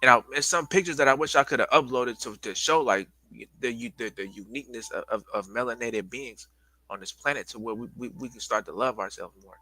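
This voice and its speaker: A man hosting a casual livestream lecture, talking loosely to his viewers with lots of restarts and pausing to catch his breath. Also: medium pitch, bright, forceful tone, no echo, rough recording. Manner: loose, repetitive, addresses viewers as y'all. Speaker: livestream host giving a presentation.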